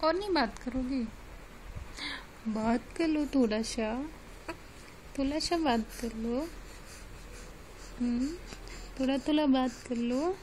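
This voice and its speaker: A woman's voice: high-pitched, slow, long pauses, a little mellow. A mother coaxing her baby in sing-song baby talk, repeating her phrases, on a noisy home recording.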